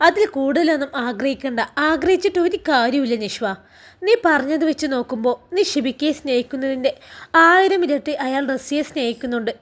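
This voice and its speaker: A woman's voice: high-pitched, brisk, natural voice. A woman playing a caring teasing friend. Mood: consoling. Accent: Malabar Malayalam. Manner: comforting, scolding fondly.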